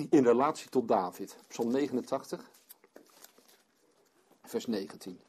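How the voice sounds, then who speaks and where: A man's voice: medium pitch, wildly swooping pitch, takes it slowly, husky. A man leading a Bible study for a small group, reading scripture aloud and then explaining it as he thinks aloud.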